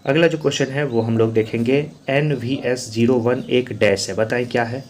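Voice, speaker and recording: A man's voice: mid-range voice, steady tone, moderate pace, a little mellow, slight background noise. A man teaching as an exam coach, working through quiz questions and answers in a repetitive, drilling manner. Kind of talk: quiz answer walkthrough lesson.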